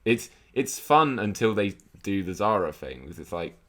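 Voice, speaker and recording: A young man co-hosting a film commentary, making dry, murmured asides that often trail off quietly. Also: fairly low pitch, sing-song, normal speed. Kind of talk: casual film commentary chat.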